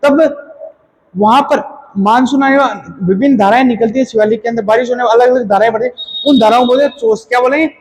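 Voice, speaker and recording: A man with a very high-pitched voice gives an exam-prep lecture. He drills key terms by asking them back as questions. He often stops to correct his own slips. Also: fast, husky, low-quality recording. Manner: casual explaining tone. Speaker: teacher.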